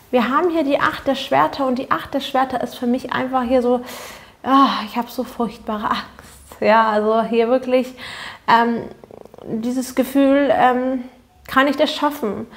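A woman giving a spontaneous tarot reading, speaking earnestly and directly to the viewer with many fillers and restarts. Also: on the high side. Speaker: tarot reader.

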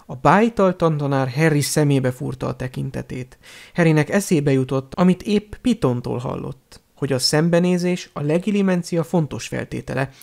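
A man narrating an audiobook in a steady, measured storytelling manner. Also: a little high, gravelly.

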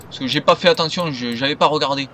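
A man's voice: fairly high pitch, fast, bright, forceful tone, slight background noise. A man giving loose, rambling commentary over his gameplay as a gaming video creator.

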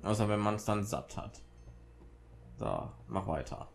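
A man's voice: fairly low pitch, big pitch swings, a little slow, gravelly. A young man casually commenting on a game he is playing and reading the subtitles aloud in an offhand way. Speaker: let's player. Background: game music.

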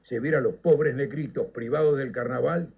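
Nostalgic tales are told on radio by an older Uruguayan man with a Rioplatense accent, the program's storyteller and host. He works from a script in a dramatic, declamatory way with pointed pauses, and his mid-range voice is husky with vocal fry. The sound is slightly dull and lo-fi.

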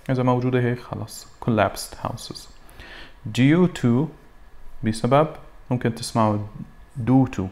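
A man teaching an English lesson. He reads English words slowly and then translates them. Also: medium pitch, a little mellow. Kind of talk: recorded classroom lesson.

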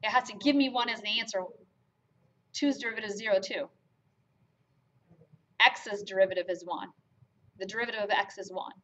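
In this lo-fi lecture capture, a math lecturer from Germany addresses her class with emphasis, posing rhetorical questions as she goes. She speaks a little fast with frequent pauses, in a medium-pitched, slightly bright voice.

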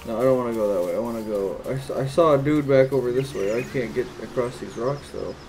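A man's voice: medium pitch, fast talker, darkish tone, faint music behind. A man giving casual, offhand gameplay commentary with swearing, recorded in a room at home. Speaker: gamer playing on camera.

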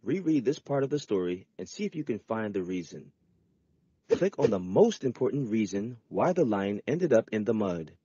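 A man's voice: on the low side, very animated, moderate pace, dark tone, husky, no room sound, lo-fi sound. A man giving patient, scripted narration in an educational reading lesson. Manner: patient, instructive.

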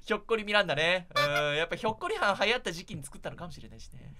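A man's voice: high voice, big pitch swings, very fast, pushed and bright, faint music behind. A man doing casual, chatty gameplay commentary for viewers, sounding jittery as he goes. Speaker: gaming streamer.

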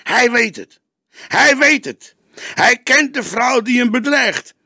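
Man doing an agitated young cop, high urgent voice, bright and tense, audiobook. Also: very animated, normal speed, creaky, no echo, clean studio sound, exaggerated voice. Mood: indignant. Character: young male police detective, agitated and impatient.

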